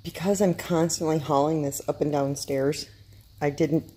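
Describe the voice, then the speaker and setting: Low, mellow-voiced woman chatting casually. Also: steady tone, normal speed. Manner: rambling, self-interrupting, chatty. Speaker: vlogger. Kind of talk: casual chat to camera. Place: home, downstairs room.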